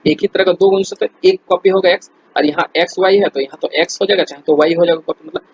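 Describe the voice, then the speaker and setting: A man's voice: sits high, steady tone, fast, darkish tone, slightly rough, highs cut off. A man teaching a general science quiz lesson in a chatty, informal way, with many fillers and restarts and calling his viewers friends. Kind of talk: casual explainer lesson.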